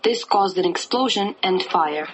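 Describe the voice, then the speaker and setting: A woman giving a live interpreter voice-over of a television report, relaying it in a measured, even way. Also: lowish voice. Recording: TV clip over loud background noise. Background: loud ambient noise.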